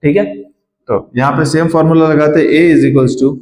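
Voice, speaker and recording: A man's voice: a little high, fairly even intonation, normal speed, a little mellow. A man tutoring maths to students, asking them questions and answering them himself. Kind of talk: blackboard-style maths lesson. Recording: roomy classroom echo.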